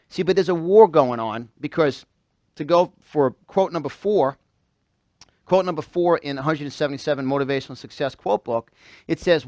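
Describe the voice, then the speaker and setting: In a live event room before a small crowd, a motivational speaker from New York hammers his points home, repeating phrases and peppering listeners with questions. His voice sits a little high, and the lo-fi recording carries no room sound.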